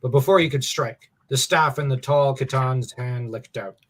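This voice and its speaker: A man reading a novel aloud in a steady, measured way and discussing it. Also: mid-range voice. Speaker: podcast co-host.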